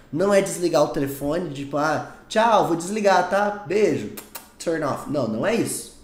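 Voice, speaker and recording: A man with a Brazilian Portuguese accent giving an online English lesson, emphatic and repeating English examples slowly. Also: on the high side, roomy sound. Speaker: English teacher.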